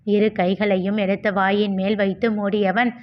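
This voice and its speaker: A woman reading a novel aloud as the host of a storytelling channel, with steady, expressive narration. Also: medium pitch, moderate pace. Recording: slightly dull lo-fi recording.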